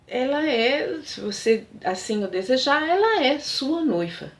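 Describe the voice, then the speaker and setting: A woman voicing a fatherly older baron who speaks slowly and measuredly in a retold story. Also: high voice, big pitch swings, pitched above the performer's own voice, exaggerated voice.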